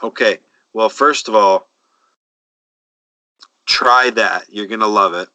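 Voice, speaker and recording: A man's voice: lowish voice, bright, forceful tone, no room sound, low-quality recording. A man, co-hosting a casual chat and confidently handing out cooking advice. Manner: confident, advice-giving, drawn-out emphasis. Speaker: podcast co-host.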